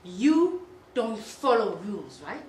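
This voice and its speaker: An actress playing a bossy, mocking school teacher who talks slowly and haughtily. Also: female voice, a little high, sing-song, darkish tone. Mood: stern. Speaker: teacher character in a comedy skit. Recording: echoey room from a distance with noise.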